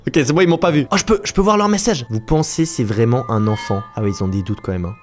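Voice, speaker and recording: An excitable man commenting live on his gameplay, talking straight to his viewers. His pitch jumps up and down in lively swings, and he breaks into laughter often. A little music plays faintly underneath. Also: fast talker. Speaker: gaming YouTuber host.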